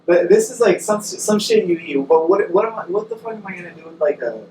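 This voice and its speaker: A man's voice: high-pitched, fast talker, a little mellow. Casual male podcast co-host, sweary and slangy, struggling with spicy-food burn; roomy, noisy pickup. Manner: suffering from eating a very hot spicy chip, watery eyes and burning stomach. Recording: distant mic, echoey noisy room.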